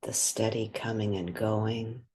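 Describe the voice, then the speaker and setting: A woman leads a meditation in a soft, airy, gently breathy voice that also rumbles low and a bit rough. She goes very slowly, with long pauses between short, calm phrases.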